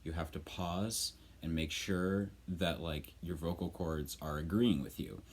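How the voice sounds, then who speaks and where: A man's voice: low voice, fairly even intonation, unhurried. A man giving a casual spoken vocal tutorial in an informal, rambling but emphatic way. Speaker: vocal coach, screamer.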